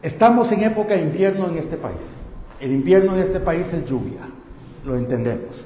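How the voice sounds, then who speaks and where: A man's voice: on the high side, expressive, normal speed, warm tone. A man preaching a sermon, putting rhetorical questions to his congregation. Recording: echoey hall.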